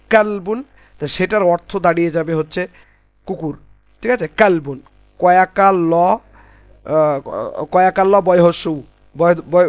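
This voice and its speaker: A man teaching Quran letter pronunciation in a class, patiently spelling out sounds slowly and repeating them. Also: high voice, no echo, muffled recording.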